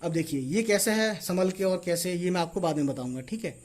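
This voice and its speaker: An Urdu teacher with a high, light male voice gives a casual online lesson at a fairly quick pace. He spells out letters one at a time and checks in after each small point, keeping a steady teaching rhythm.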